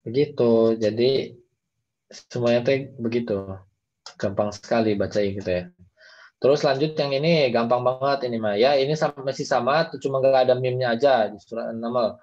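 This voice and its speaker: A man's voice: mid-range voice, normal speed, long pauses, darkish tone. A man, teaching Quran recitation in an online class, patiently explaining and modeling the readings aloud. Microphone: video call. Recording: dull lo-fi video call audio.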